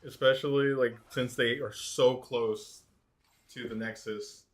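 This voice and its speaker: A man's voice: mid-range voice, fairly even intonation, a little slow. A man co-commentating live on a video game match in a casual, reactive way with lots of interjections. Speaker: esports co-commentator.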